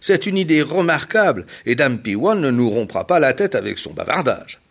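A man's voice: medium pitch, sing-song, moderate pace, creaky, pitched above the performer's own voice. A man voicing a carefree, teasing male heron in a storybook tale, light and playful.

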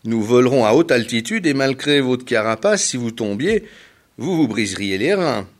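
A man's voice: mid-range voice, lively intonation, normal speed, close to an everyday voice. A man doing a worried, earnest heron. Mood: urgent. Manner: earnest, cautioning. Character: worried, sensible male heron.

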